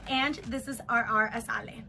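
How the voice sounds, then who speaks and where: A woman's voice: fairly high pitch, steady tone, normal speed, creaky, over loud music. A woman in her twenties hosting a casual eating video, chatting and switching between English and Spanish. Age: 20s. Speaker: host. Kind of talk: casual chat mukbang.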